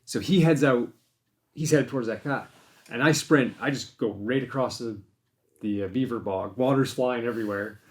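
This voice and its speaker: On his podcast, a deer hunter from Maine tells a hunting story loosely and ramblingly, often restarting sentences and speaking his thoughts as they come, in a casual storytelling chat. His voice is medium in pitch at a normal pace.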